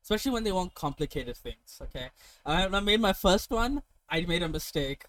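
A man's voice: high voice, animated, a little fast, fairly bright tone, low-quality recording. A man co-hosting a casual podcast, talking in an exclamatory, slangy way and swearing freely. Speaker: podcast co-host.

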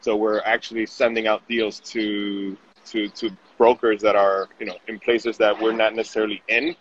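Man from Venezuela, interview guest, casual, repeats words, low voice, dull recording. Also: flat delivery, moderate pace. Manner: restarts and repeats words often. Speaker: guest, digital marketing director. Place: outdoors on a city street. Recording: dull audio with faint noise.

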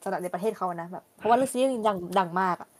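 A woman's voice: medium pitch, racing, darkish tone, breathy edge. A woman co-hosting a casual podcast chat, reflecting and thinking aloud with frequent fillers. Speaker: podcast co-host.

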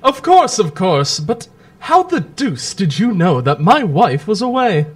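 A man acting a genial, admiring gentleman doctor in an old-time radio drama, courteous and old-fashioned in manner. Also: high-pitched, big pitch swings, unhurried. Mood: amused wonder.

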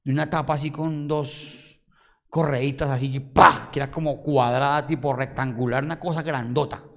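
Addressing the congregation head-on, a preacher asks rhetorical questions and shifts between booming exclamations and quiet murmurs. His intonation stays fairly even, his speed is normal, and his voice has vocal fry.

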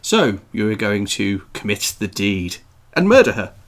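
A man's voice: fairly low pitch, big pitch swings, a little slow. A man co-hosting and editing a podcast, chatting casually about a game with dry, self-deprecating humor and frequent laughs. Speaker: podcast co-host and editor.

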